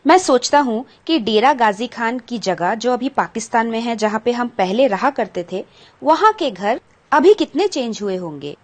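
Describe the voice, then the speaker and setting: A woman's voice: a little high, animated, normal speed. A woman teacher patiently explaining a school textbook chapter to children, glossing English words and asking the pupils questions.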